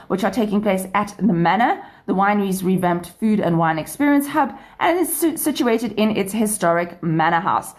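A woman with a South African accent hosting a radio show, presenting in an enthusiastic, upbeat way that mixes scripted items with chat. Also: medium pitch. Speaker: radio show and podcast host.

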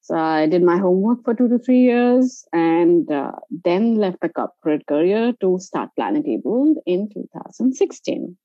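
Speaking with an Indian accent, a travel company founder answers interview questions in a warm, sing-song voice on the low side. She keeps a moderate pace with hardly any pauses while telling personal stories conversationally, and the recording is dry, dull and lo-fi.

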